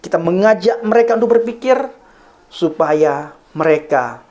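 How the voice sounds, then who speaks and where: A man's voice: sits high, lively intonation, a little slow, a little mellow. A man preaching to his online viewers in an earnest, repetitive, list-like cadence, often calling them Bapak Ibu. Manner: addresses listeners as Bapak Ibu. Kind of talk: sermon.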